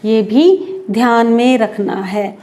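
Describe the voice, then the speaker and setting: A woman teaching a grammar lesson for exam students, slow and deliberate, asking and answering her own questions and drawing out example words. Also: fairly high pitch, animated, mellow.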